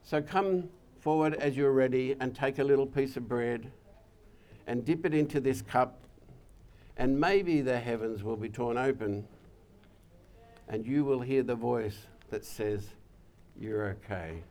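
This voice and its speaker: An older man, a pastor, giving a gentle and plain-spoken communion sermon, often dropping to a soft, intimate tone. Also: medium pitch. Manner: slow, gentle, intimate preaching with soft drops.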